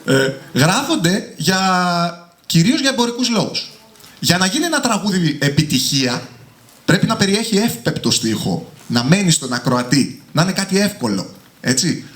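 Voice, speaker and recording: A man with a slightly high, lively voice speaks with passion and emphasis to an audience, hammering home each point. The room around him is echoey, like a hall with a live crowd. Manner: passionate, emphatic, often ending points with a tag word. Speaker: author and singer presenting his book. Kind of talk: public talk at a book presentation.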